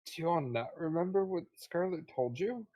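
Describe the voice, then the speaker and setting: A man's voice: a little high, animated, normal speed, warm tone, pitched above the performer's own voice, low-quality recording. A man voicing a large, curt, dismissive orc with a dry, condescending manner in a tabletop game. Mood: dry disdain. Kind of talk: in-character tabletop role-play.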